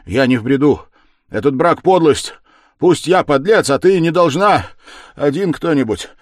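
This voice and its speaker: A man's voice: on the low side, big pitch swings, moderate pace, a little mellow, no room sound, studio quality, pitched above the performer's own voice. A man voicing a feverish, irritable young man who speaks curtly and strained.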